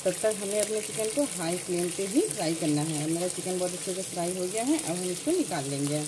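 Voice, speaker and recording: A woman narrating a home cooking tutorial, calmly explaining each step in order. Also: lowish voice, fairly quick, noisy background. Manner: calm step-by-step instructions. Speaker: cooking channel host.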